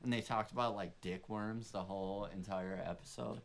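A man hosting a casual podcast, telling stories in an animated way and swearing a lot. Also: sits low, moderate pace, vocal fry. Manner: profane, animated storytelling. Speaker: podcast host.

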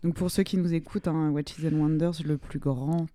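A woman co-hosts a casual interview in a fairly low, very dark voice with a dry sound. She guides the conversation and explains things for the listeners. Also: fairly even intonation, moderate pace, no echo. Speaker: podcast co-host.

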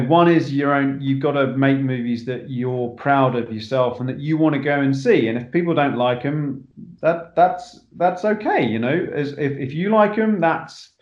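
A man who directs films, talking earnestly as a podcast guest, with many restarts. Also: mid-range voice. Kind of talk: casual interview talk. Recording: echoey, dull remote line.

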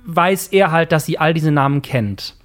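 A man's voice: fairly high pitch, expressive, moderate pace. A man in a casual podcast chat, explaining his view with confident, concrete examples. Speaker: podcast co-host.

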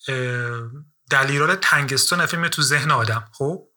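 Bright-voiced male interviewer, halting. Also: medium pitch. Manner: searching for words with many fillers and restarts. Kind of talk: casual interview talk.

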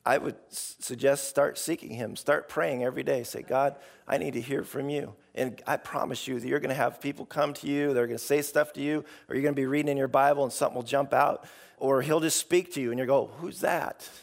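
Gravelly, creaky-voiced male preacher. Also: medium pitch, fairly even intonation, brisk. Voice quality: gravelly, hoarse. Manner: informal, emphatic, acts out imagined replies. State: voice starting to give out. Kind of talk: sermon, conversational exhortation to a congregation.

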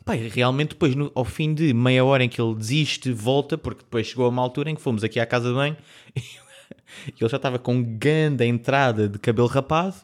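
A young man with a European Portuguese accent, telling a story in a casual podcast chat, lively and laughing often. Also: mid-range voice, brisk. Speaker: podcast co-host.

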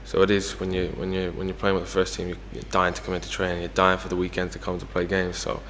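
A man's voice: sits low, monotone, fast, a bit bright, big-room sound, slight background noise. A young Irish man talking casually as the guest in an interview, full of fillers like "you know". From Ireland. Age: young adult. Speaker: footballer guest.

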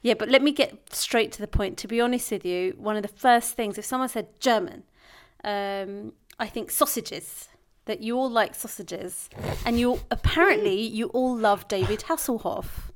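A woman's voice: on the high side, normal speed. A young British woman in casual conversation, chatty and playful, often restarting her sentences. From Britain. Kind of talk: casual chat.

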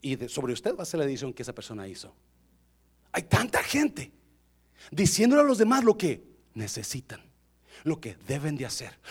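A male pastor preaching an animated, joking sermon and addressing the congregation directly. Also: high-pitched, husky.

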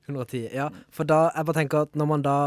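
A man's voice: a little high, flat delivery, dry recording. A man co-hosting a podcast, putting short questions to a guest in casual chat. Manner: brief interjections and questions. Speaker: podcast host.

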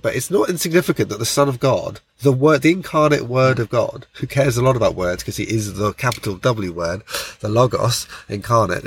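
A man's voice: mid-range voice, slightly rough. A man co-hosting a conversational podcast in a car park, explaining things earnestly with frequent digressions. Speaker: podcast co-host.

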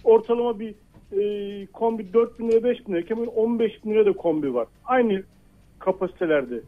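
A man's voice: high voice, normal speed. A middle-aged man calling into a radio show over a landline phone, earnest and hesitant, with lots of filler sounds, repeating his point. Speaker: caller. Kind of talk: call-in on a radio talk show. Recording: narrow tinny phone line.

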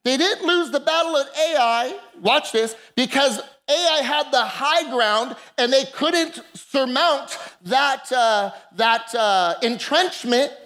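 A woman's voice: high-pitched, takes it slowly, few pauses, a bit bright. A woman pastor preaching a sermon into a pulpit microphone in a church, emphatic and calling for the congregation's responses. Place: church sanctuary.

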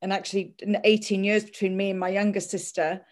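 A woman's voice: mid-range voice, little pitch movement, fast. An Irish woman hosting a podcast, talking casually with many fillers and easy laughs. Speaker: podcast host. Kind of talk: casual interview chat.

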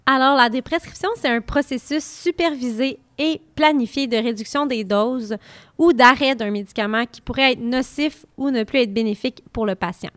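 A woman with a Quebec French accent answers interview questions in a methodical, explanatory way. Her voice is fairly high and very smooth, recorded dry with hardly any room around it. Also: moderate pace, a bit bright, dry recording. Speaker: guest pharmacist.

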